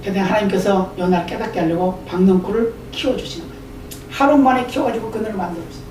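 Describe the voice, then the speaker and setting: A pastor giving a sermon, reading scripture slowly and acting out quoted lines. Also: female voice, mid-range voice, a little mellow, slight background noise. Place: church sanctuary. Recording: echoey church room from far off.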